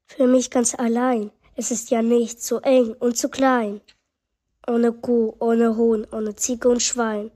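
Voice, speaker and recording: A woman's voice: on the high side, level tone, slow, mellow. A woman voicing a fretful, forever complaining old grandmother in a rhyming story. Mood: relieved. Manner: rhyming, wailing lament.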